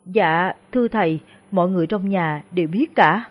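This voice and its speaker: A woman's voice: lowish voice, normal speed, lightly acted. A woman voicing a frightened, humble peasant woman who stammers deferentially. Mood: anxious pleading. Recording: dull lo-fi recording.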